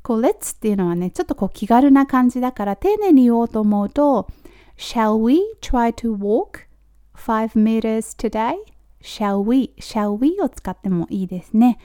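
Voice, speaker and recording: A Japanese woman giving a casual spoken English lesson, repeating model phrases slowly, with Australian-flavored English. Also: a little high, expressive, dark tone, smooth, dry recording, clean studio sound. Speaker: English teacher for nurses.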